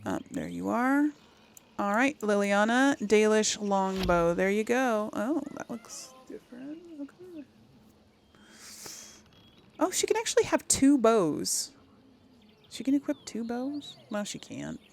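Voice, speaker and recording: A gaming video host, a woman, gives casual gameplay commentary, thinking aloud, murmuring to herself and reading item text aloud. Her voice sits a little high with big pitch swings, and she speaks slowly and creakily, pausing often. There's slight background noise.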